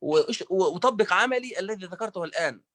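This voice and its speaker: A man's voice: sits high, animated, fast talker, fairly bright tone, no room sound. Man drilling letter sounds. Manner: leaves words unfinished for listeners to fill in, drills letter sounds repeatedly. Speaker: Quran recitation teacher. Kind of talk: online tajweed lesson.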